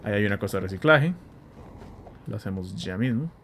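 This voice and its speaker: A man chatting excitedly while playing a video game, with a Central American Spanish accent, making blaster sounds and joking. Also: fairly low pitch, a little fast, noisy background. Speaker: gameplay streamer. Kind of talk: casual let's-play commentary.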